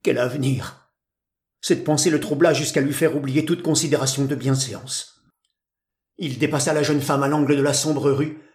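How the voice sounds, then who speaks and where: A man reads a classic short story aloud in a measured, literary manner. His voice sits in the middle range and carries a roomy echo. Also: a little high, steady tone, darkish tone. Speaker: narrator. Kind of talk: audiobook narration of a classic tale.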